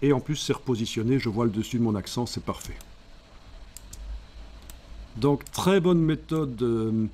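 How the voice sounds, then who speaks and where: A man speaking, explaining a software tutorial step by step and thinking aloud as he works. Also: medium pitch, a little slow, long pauses, a little hiss or hum. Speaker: software instructor. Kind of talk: screen-recorded software tutorial.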